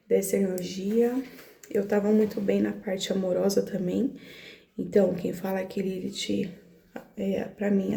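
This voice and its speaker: A woman's voice: mid-range voice, creaky, mellow, reverberant. A woman with a São Paulo–area Brazilian accent telling a personal story on her vlog, emotional and hesitant, often repeating words. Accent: Brazilian Portuguese, São Paulo area. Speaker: astrology vlogger.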